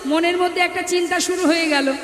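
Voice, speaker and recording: High-voiced woman kirtan storyteller. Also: steady tone, brisk. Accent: Bengali. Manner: dramatic, addressing audience directly. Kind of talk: devotional kirtan narration. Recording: echoey hall with live music.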